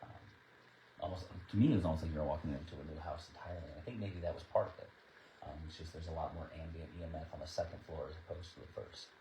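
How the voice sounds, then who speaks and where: A man's voice: rumbling low, very fast, dark tone, poor audio. A man hosting a live-streamed paranormal investigation, giving casual commentary. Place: indoors in a house. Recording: clear background noise.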